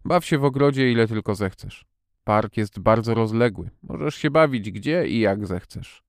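A weary middle-aged guardian, gentle but worn out, who speaks slowly and a little absently, as a man reads him. The voice sits low and sounds smooth and clear, with a dry, close sound. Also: no room sound. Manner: tired, slow, absent-minded. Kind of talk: audiobook character reading.

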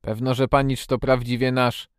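A man voicing a stubborn, loyal old male gardener in a storybook reading, speaking slowly with emphasis. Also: medium pitch, level tone, clear, resonant tone, no echo, clean studio sound, natural voice. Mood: delighted.

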